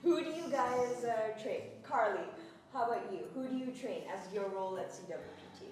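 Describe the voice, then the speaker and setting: Female interviewer, casual, high lively voice, heavily echoing room. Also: a little fast, a little hiss or hum. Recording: very echoey, loud music behind.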